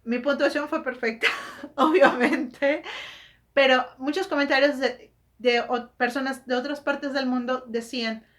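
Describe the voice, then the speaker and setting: A woman's voice: high voice, fairly even intonation, moderate pace, fairly bright tone. Chatty woman. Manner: chatty, self-correcting, rhetorical questions. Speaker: book vlogger. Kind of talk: casual explanatory monologue.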